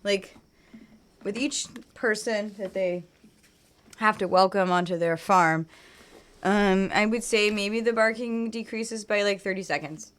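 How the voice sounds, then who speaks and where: Woman game streamer, casual rambling chat, slow delivery, bright tone. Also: mid-range voice. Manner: rambling and chatty, trailing into quiet mutters.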